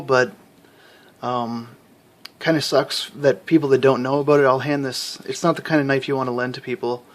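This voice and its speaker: A man, a hobby lock picker, casually showing his collection to camera at home, rambling with lots of fillers and restarts. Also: mid-range voice. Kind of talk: casual show-and-tell.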